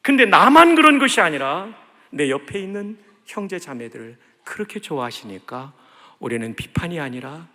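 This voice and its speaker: A high, bright male voice preaches to his congregation, his pitch leaping around with lively energy. He swings from loud exhortation to soft, close asides and has the crowd repeat lines after him. The sound carries the long reverb of a large church sanctuary. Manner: leads the congregation in call-and-response. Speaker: pastor. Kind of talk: sermon.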